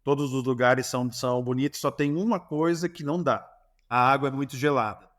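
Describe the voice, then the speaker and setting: A man's voice: mid-range voice, fairly quick, fairly bright tone. A Brazilian man, a former goalkeeper, telling anecdotes in a casual interview, with many restarts and self-corrections.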